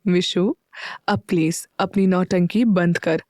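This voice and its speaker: A woman voicing an affectionate young man who gently teases his partner. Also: mid-range voice, steady tone, dry recording, clean studio sound, lightly acted. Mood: tender. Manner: soft, slow and tender.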